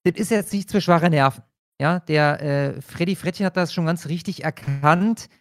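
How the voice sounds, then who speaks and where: A man's voice: fairly high pitch, normal speed, dry recording. Dry, close-miked male commentator. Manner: hesitant, many fillers and restarts. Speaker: streamer hosting a news reaction show. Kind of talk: casual commentary.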